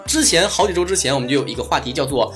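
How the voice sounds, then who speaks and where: A man's voice: on the high side, animated, very fast, fairly bright tone. A man with a Northeastern Chinese Mandarin accent hosting a casual comedy talk show, playful and boastful, often breaking into laughter as he talks. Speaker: comedy show host and online broadcaster. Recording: voice over prominent background music. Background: music.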